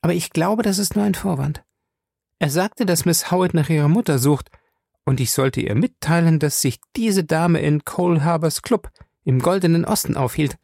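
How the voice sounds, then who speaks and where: A man doing a poised married woman in an audiobook, her voice lifted well above his own and a touch affected. She sounds urgent and concerned, with a gravelly edge and a dry, close sound. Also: fairly high pitch, moderate pace, a little mellow, dry recording, pitched above the performer's own voice. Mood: affected, worried. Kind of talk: audiobook character voice.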